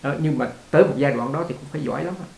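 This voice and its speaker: A man's voice: medium pitch, racing, gravelly, a little mellow. A man teaching as a Buddhist teacher in a conversational dharma talk, repeating words and laughing along with his listeners. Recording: echoey room.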